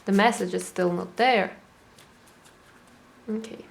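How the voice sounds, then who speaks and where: A woman's voice: mid-range voice, slow, vocal fry, background noise. Chatty woman giving a tarot reading. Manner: chatty, animated, acts out inner voices. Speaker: tarot reader. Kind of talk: casual tarot reading to camera.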